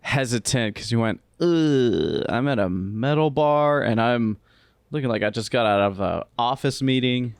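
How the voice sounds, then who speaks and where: A man's voice: medium pitch, normal speed, clean tone, no echo, studio quality. A man hosting a podcast, chatting casually, joking and asking follow-up questions. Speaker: podcast host. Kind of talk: casual interview chat.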